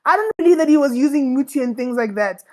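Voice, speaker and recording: A woman's voice: sits high, expressive, fast, mellow. A young woman from South Africa co-hosting a casual reality TV review chat, emphatic and opinionated, repeating her points for stress. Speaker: co-host of a reality TV review show.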